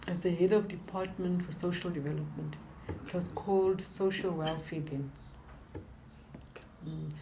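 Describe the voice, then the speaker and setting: Mellow older South African woman. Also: on the low side, fairly even intonation, measured pace, creaky, a little hiss or hum, low-quality recording. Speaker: interviewee. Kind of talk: recounting life and work in an interview.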